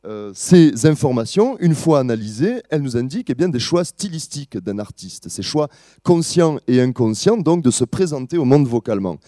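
A French-speaking man giving an academic talk as a musicologist, explaining in a measured way with frequent hesitations. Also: medium pitch, sing-song, mellow, no room sound, clean studio sound. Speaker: musicologist lecturer. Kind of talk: academic presentation.

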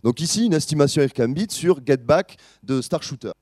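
A French-speaking man giving an academic talk as a musicologist, explaining in a measured way with frequent hesitations. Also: a little high, lively intonation, heavy background noise. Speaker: musicologist lecturer. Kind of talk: academic presentation.

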